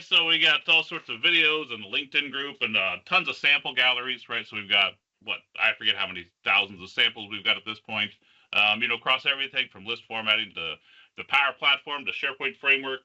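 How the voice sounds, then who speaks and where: A man's voice: mid-range voice, bright, forceful tone. A man hosting an online community call, talking upbeat and casual, his voice hollow and distant as if inside a barrel. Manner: upbeat, quick, many fillers. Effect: hollow, distant sound, as if inside a barrel. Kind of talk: casual online meeting presentation. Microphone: headset on a video call. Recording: muffled hollow headset audio.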